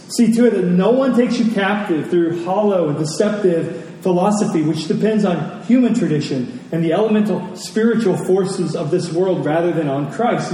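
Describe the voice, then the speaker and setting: A high-pitched man with a dark tone gives a conversational sermon, repeating key phrases for emphasis. A distant mic captures him in a large reverberant hall full of echo, along with faint noise.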